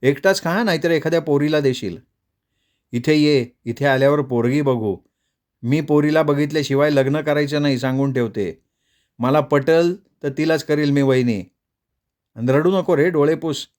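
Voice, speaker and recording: A man's voice: fairly high pitch, normal speed, darkish tone, lightly acted. A man reading aloud a rustic young woman's fond, bossy letter to her brother. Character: affectionate village girl writing to her brother.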